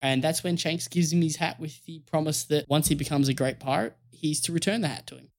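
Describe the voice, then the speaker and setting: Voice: medium pitch, brisk. A podcast co-host eagerly recapping a story in a casual, giggly way.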